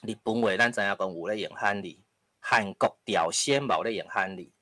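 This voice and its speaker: A man's voice: lowish voice, fairly quick, pushed and bright, dry recording. A man with a Taiwanese accent giving a lecture to an audience, explaining point by point with frequent tag particles and the odd cough. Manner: occasional coughs and throat clearing. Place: lecture hall with live audience.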